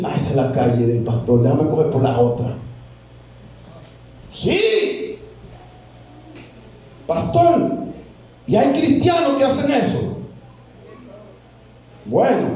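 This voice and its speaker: A high-pitched man preaches slowly to his congregation. He drives each point home with repeated words. His voice carries from away from the mic in a strongly echoing church. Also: darkish tone, distant mic. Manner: preaching, rising and falling with emphatic repeats. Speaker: pastor. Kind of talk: sermon.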